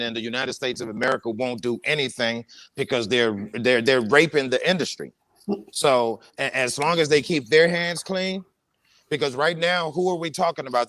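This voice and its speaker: Male live-stream panel host, middle pitch, dry close sound, emphatic and repetitive delivery. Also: fairly bright tone, dry recording. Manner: emphatic, preacher-like cadence, repeats phrases. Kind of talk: live online panel discussion.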